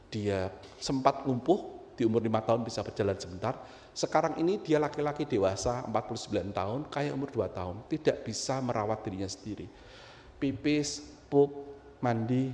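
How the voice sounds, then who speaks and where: A middle-aged man from Indonesia, a pastor telling a personal story in a sermon, dropping to quiet low asides and rising to loud high outbursts. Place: church hall. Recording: roomy church hall with long reverb.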